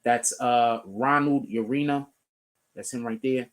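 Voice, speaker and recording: A Bronx, New York man hosts a casual stream, riffing on the news with loose, profane chatter as he clicks through web pages. His mid-range voice keeps a fairly even intonation and a measured pace.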